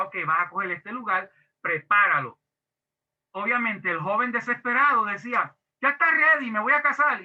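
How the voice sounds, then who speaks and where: Animated pastor, tinny sound. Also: male voice, sits high. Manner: animated, acts out quoted dialogue, mixes in English words. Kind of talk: Bible class sermon. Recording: tinny phone-like audio.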